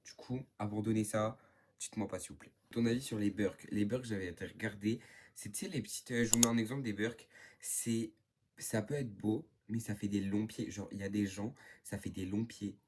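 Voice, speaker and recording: A man's voice: on the low side, fairly even intonation, fairly quick, a little mellow. A teenage boy from northern France answering viewer questions in a casual, rambling vlog, full of fillers. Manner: chatty, rambling, lots of fillers. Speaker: YouTuber.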